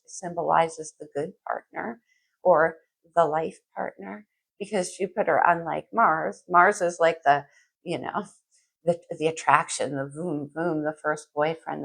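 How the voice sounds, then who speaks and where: Low, gravelly woman giving a tarot reading. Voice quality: slightly muffled speech from dental work. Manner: conversational, musing aloud, addressing the listener directly. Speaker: astrologer and tarot reader. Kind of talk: casual tarot horoscope reading.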